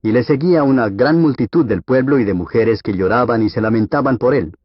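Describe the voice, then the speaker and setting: A man reading scripture aloud for an audiobook in a steady, measured way. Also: mid-range voice, slightly rough, dry recording. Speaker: Bible reader. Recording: dull, lo-fi dry recording.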